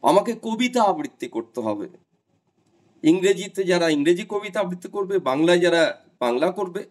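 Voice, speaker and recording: A man with a notably high voice gives a class lecture to students preparing for job interviews. He is earnest and repeats his points, speaking straight to the students as their teacher. He sounds middle-aged. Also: expressive, normal speed. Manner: earnest, repetitive, addresses students directly with advice. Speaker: teacher advising job candidates.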